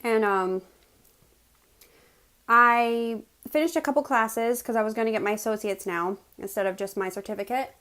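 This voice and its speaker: A woman from West Virginia with an American accent tells personal stories in a casual, chatty way to viewers, pausing to chew as she eats. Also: fairly high pitch, fairly bright tone. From West Virginia, United States. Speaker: mukbang host telling personal stories.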